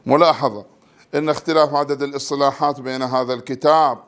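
A man teaching religious studies, reading numbered terms from a textbook and explaining each one in a measured way. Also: medium pitch, steady tone, a bit bright.

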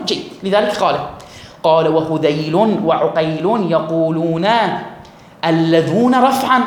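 A grammar teacher lectures in a fairly high voice. He goes over each point twice and keeps putting questions to his students. The room around him rings with heavy echo. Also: slight background noise. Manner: repeats points and quizzes students. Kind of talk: classroom lecture. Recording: very echoey room.

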